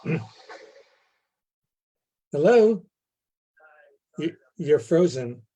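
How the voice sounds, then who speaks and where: A man heard over a video call as an interview guest, his voice mellow and warm. He speaks calmly and evenly, taking his time with each answer. The sound carries the slight thinness of a remote link. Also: on the high side, very slow, dull audio. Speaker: head of a theater company.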